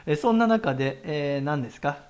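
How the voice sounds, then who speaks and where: A man's voice: on the high side, expressive. A man hosting a radio show, reading listener mail and teasing his co-hosts in casual chat. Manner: teasing, jokey, fast-talking.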